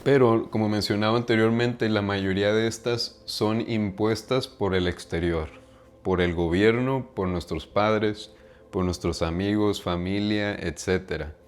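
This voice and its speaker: A Mexican man with a Mexican accent speaks casually to his viewers about self-improvement in a monologue to camera. He uses slang and frequently ends sentences with a questioning "right?" His voice is lowish, his intonation fairly even and his pace unhurried.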